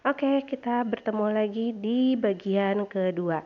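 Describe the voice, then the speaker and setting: A woman teaching Japanese vocabulary, saying each word twice slowly and clearly for students to repeat, then explaining it in plain chat. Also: medium pitch. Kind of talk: vocabulary drill lesson. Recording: dull lo-fi recording.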